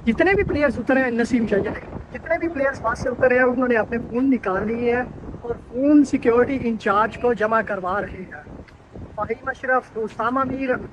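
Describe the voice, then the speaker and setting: A male sports reporter narrates arrivals outdoors beside a bus, one name after another. His voice sits very high for a man. Faint street and engine noise hangs in the background. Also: moderate pace. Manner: running play-by-play narration of arrivals. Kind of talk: live on-location commentary.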